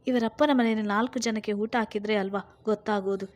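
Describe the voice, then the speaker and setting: A woman voicing an angry, drunken middle-aged father who shouts insults in a read-aloud story. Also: medium pitch, steady tone, brisk, close to an everyday voice. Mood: furious.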